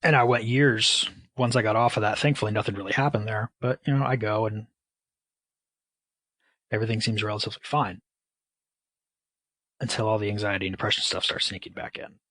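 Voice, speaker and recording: A man's voice: lowish voice, fairly even intonation, a little fast, pauses often, fairly bright tone, no echo, poor audio. A man speaking candidly and casually about his own experience, with wry, self-deprecating sarcastic asides. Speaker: podcast guest. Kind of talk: candid personal storytelling.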